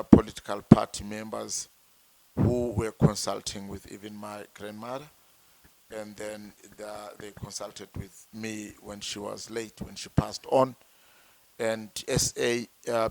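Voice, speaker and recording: Slow, deliberate man from Zimbabwe. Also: lowish voice, vocal fry. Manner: deliberate, repeats words while searching. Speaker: traditional healer. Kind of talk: slow explanatory talk.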